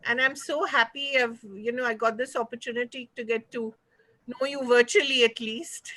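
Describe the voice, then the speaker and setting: A woman with an Indian accent hosts a talk over a video call. Her voice is high and bright. She speaks politely and conversationally, feeling her way through long, hesitant questions. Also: fairly even intonation, moderate pace, rough recording. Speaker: host of an online talk show.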